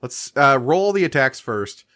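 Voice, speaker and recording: Slow-talking man running a tabletop game. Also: mid-range voice, very animated, fairly bright tone, smooth. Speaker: game master. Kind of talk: narrating and refereeing a tabletop game.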